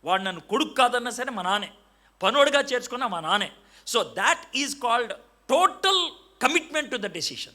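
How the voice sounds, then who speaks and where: A man's voice: very high voice, sharp tone. A middle-aged male evangelist preaching a sermon. He acts out little dialogues and mixes in English phrases.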